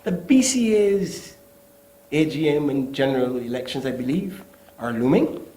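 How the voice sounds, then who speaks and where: A man's voice: mid-range voice, lively intonation, a little slow, mellow, echoey room, low-quality recording. A man hosting a TV talk show, asking questions in a joking, conversational way. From Barbados. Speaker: show host.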